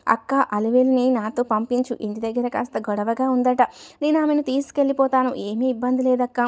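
A woman's voice: fairly even intonation, fairly quick, darkish tone, close to an everyday voice. A woman reading as a teasing young man. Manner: teasing, low-voiced. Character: playful young man, a sweetheart.

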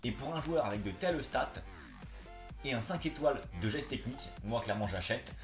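A man's voice: mid-range voice, lively intonation, fairly quick, echoey room, soft background music. A young man with a slight slushy lisp on his s sounds, chatting casually and slangily like a gaming YouTuber. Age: young adult. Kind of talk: casual gaming vlog chat. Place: small indoor room, seated on a couch.

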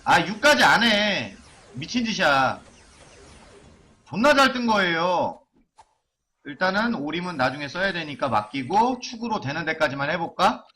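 A man's voice: a little high, very animated, moderate pace, pushed and bright. A man streaming an online game live, chanting and cursing as he gambles on item upgrades.

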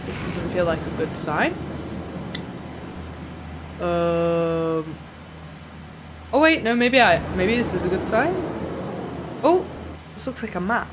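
A young game streamer talks through her play in a casual, playful way, frequently muttering under her breath. She speaks slowly at a fairly low pitch and pauses often, with background noise audible. She sits in a small home room, headset on, close to a desk mic.

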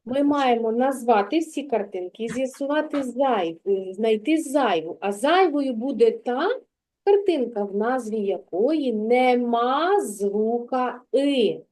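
A high-voiced woman teaches a young child to read in a one-on-one lesson. She speaks slowly and patiently, with a warm, soft tone, and stretches out each sound so the child can hear it. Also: animated. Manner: patient, drawn-out stressing of sounds and words. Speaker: kindergarten teacher.

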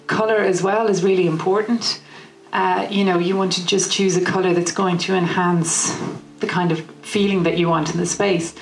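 A woman in her thirties with an Irish accent, giving a practical design talk into a handheld microphone in a kitchen showroom, with many "you know" fillers. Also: fairly low pitch. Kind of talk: presentation to a live audience. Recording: roomy showroom with faint noise.

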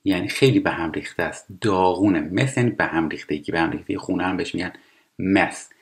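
A man teaching English, explaining TV dialogue line by line and reading English phrases slowly and carefully. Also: deep voice. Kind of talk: language lesson explaining TV dialogue.

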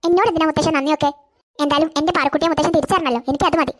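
Woman doing a squeaky, rapid cartoon girl. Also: steady tone, natural voice. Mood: worried. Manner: pleading, affectionate. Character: young girl of thirteen, sweet and clinging. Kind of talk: cartoon voice acting.

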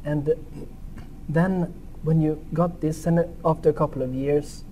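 This casual interview, poorly recorded with a slight hiss or hum, features a middle-aged man from Sweden speaking with a Swedish accent while sitting at a table in an indoor lounge. His slightly high, mellow voice is fairly even and a little slow, and he's friendly yet hesitant, often restarting and using fillers.

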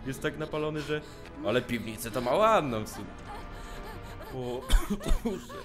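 A young man casually commenting on a video game as he plays, cracking jokes, swearing often and shouting at the screen when things get tense. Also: mid-range voice, big pitch swings, measured pace, music in the background. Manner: jokey, swears a lot, yells at the screen in tense moments. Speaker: let's play gamer. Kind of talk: casual let's play commentary.

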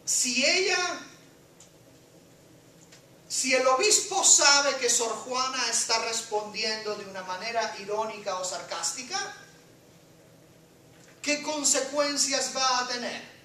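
Woman, teacher, bright voice, fairly high, questioning students, echoey room, recorded from afar. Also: slow pace, pauses often, a little hiss or hum. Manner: questioning, switches into English, reads aloud. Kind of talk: classroom lecture. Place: classroom. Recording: echoey classroom from far off.

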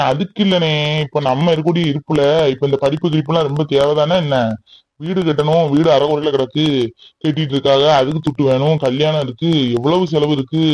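A man's voice: a little high, a little mellow, natural voice, poor audio. A man playing a sarcastic stern older brother. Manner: sarcastic, dismissive.

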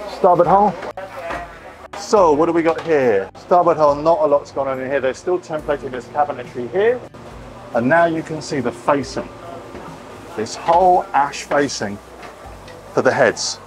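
A vlog host in his forties, with a fairly high voice, excitedly and emphatically shows the camera around a boat under construction and a big boatyard shed, repeating phrases. He's miked with a clip-on lapel mic, and the recording quality is low.

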